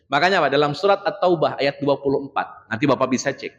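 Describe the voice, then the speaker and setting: A man preaching a casual midday sermon in a mosque, animated, acting out dialogues and addressing the men as Pak. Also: mid-range voice, fast talker, lo-fi sound. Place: mosque hall. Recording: reverberant mosque hall.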